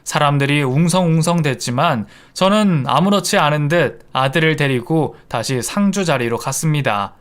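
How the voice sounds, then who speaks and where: A man's voice: on the high side, moderate pace, few pauses. Man narrating a confiding first-person story.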